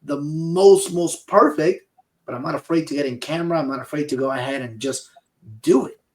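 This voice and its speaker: A Peruvian man in his forties, with a Peruvian accent, co-hosts a casual business podcast, staying upbeat and motivational as he hypes up the listener. His voice is on the high side with a darkish tone, and he talks a little fast.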